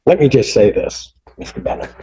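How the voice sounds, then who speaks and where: Warm in tone yet stern in manner, a middle-aged man presides over a courtroom on a low-quality recording. He lectures in a measured, emphatic way.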